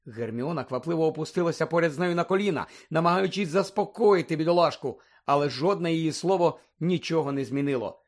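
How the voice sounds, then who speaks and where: A male audiobook narrator with a notably high voice, reading a fantasy story. He keeps a steady, even storytelling delivery. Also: quick pace, few pauses. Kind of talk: scripted narration.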